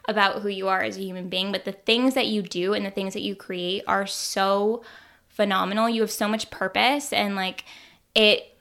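A woman's voice: medium pitch, fairly even intonation, moderate pace, creaky, fairly bright tone. A young woman hosting a podcast, chatting with a guest in a gushing, enthusiastic way. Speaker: podcast host. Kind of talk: casual podcast conversation.

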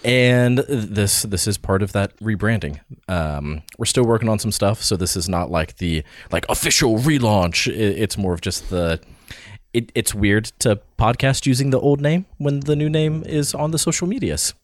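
A man's voice: on the low side, moderate pace, no echo, studio quality. A man hosting a podcast in casual chat, rambling with lots of filler words and restarts. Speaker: podcast host.

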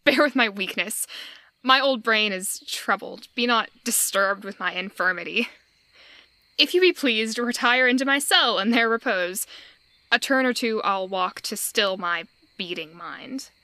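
Casting: woman as an aging male sorcerer, declamatory, slightly high voice. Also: expressive, pushed and bright, no echo. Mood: weary. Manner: measured, declamatory. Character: commanding aging male sorcerer, weary but stern. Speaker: actor playing Prospero. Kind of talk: stage acting.

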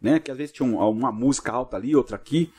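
A man, a pastor guest on a podcast, telling a long story in a casual interview, lively and acting out what people said. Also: medium pitch, slightly rough. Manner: fast, vivid storyteller acting out dialogue.

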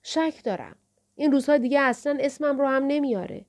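A woman's voice: high voice, darkish tone, voice pushed up, lightly acted. A woman narrator voicing a distressed young woman who speaks in a pleading, insistent way. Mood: upset.

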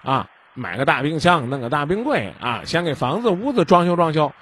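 A man's voice: on the high side, sing-song, fairly quick, fairly bright tone, slightly rough. A man hosting a radio call-in advice show, lecturing the caller and acting out little dialogues. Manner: keeps asking if the caller understands. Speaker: radio hotline host.

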